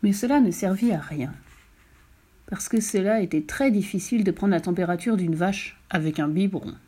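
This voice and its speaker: A woman telling a children's story aloud in a gentle, expressive way. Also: mid-range voice, moderate pace, slightly rough.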